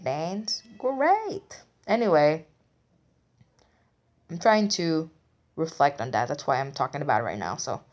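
A young woman talks alone into her podcast mic, low in pitch and candid. She rambles and teases herself as she goes. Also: gravelly. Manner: candid, rambling and self-mocking. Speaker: podcast host. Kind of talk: solo podcast monologue.

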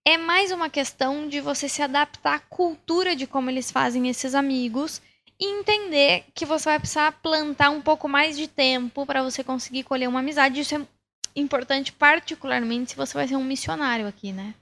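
Calm woman with a high voice. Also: brisk. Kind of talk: casual talk to camera.

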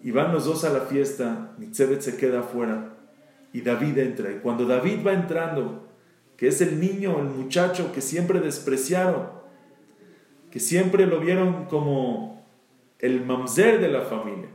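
Rabbi preaching in an echoey room. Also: male voice. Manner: animated, rising sharply in pitch and volume for emphasis; quotes Hebrew verses slowly and translates them. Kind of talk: sermon storytelling.

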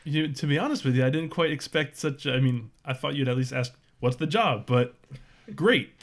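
A man voicing a gruff, businesslike female client on a call about a job. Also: mid-range voice, normal speed, lightly acted. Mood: polite, brisk.

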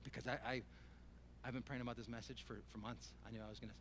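A married man preaching an emotional sermon and praying, swinging from hushed talk to loud, impassioned cries. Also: mid-range voice, flat delivery, very fast, background noise. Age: adult, married. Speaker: pastor.

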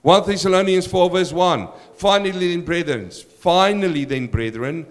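A male pastor preaches at a normal speed in a somewhat high, croaky voice. Addressing his congregation directly, he poses rhetorical questions and presses them with direct appeals.

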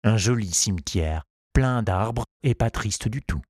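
Man, storybook narrator, low voice, measured, unhurried, dry close sound. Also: expressive, darkish tone, no echo. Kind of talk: storybook reading.

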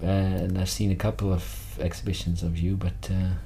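A man's voice: deep voice, level tone, normal speed, vocal fry, mellow, slightly rough. A man hosting a casual podcast interview, rambling and self-deprecating as he sets things up. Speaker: podcast host.

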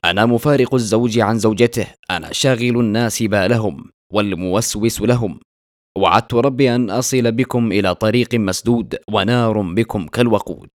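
A man voicing a mocking, menacing male devil in a dramatic spoken story, loud and booming. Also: fairly quick, dry recording, studio quality, lightly acted.

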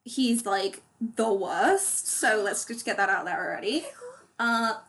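Chatty woman co-host, slightly high voice, full of fillers and restarts. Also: slow, fairly bright tone. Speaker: podcast co-host. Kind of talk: casual chat.

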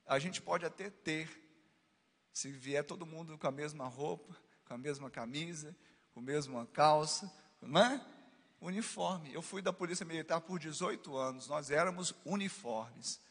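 A man's voice: medium pitch, a bit bright, husky. A middle-aged man with a Brazilian Portuguese accent, preaching a sermon as pastor with playful asides and rising exclamations. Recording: long hall reverb.

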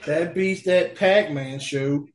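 Slow, laid-back man in an echoey room. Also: on the high side, soft background music. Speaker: podcast co-host. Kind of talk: casual chat watching a cartoon.

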